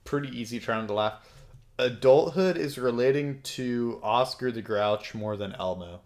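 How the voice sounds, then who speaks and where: A man's voice: medium pitch, moderate pace, slight background noise. A man co-hosting a casual podcast, dry and joking, often breaking into laughter. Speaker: podcast co-host.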